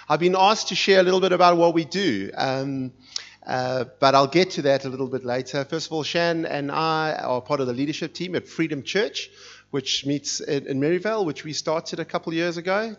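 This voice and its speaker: As a guest preacher in a church sanctuary, a middle-aged man delivers an energetic, fired-up sermon, reading scripture with rising intensity. The sound is dull, muffled and low-fidelity.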